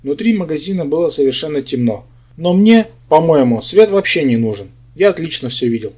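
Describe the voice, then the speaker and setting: Wry male audiobook narrator, mellow tone. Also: fairly high pitch. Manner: wry, sardonic storytelling. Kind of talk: first-person humorous fantasy narration. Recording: dull lo-fi audiobook recording.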